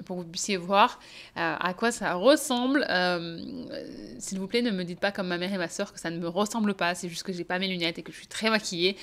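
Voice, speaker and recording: A woman's voice: medium pitch, a bit bright. A young French woman chatting casually to camera as a vlogger, talking with many hesitations and frequent laughs. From France. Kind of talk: casual vlog chat.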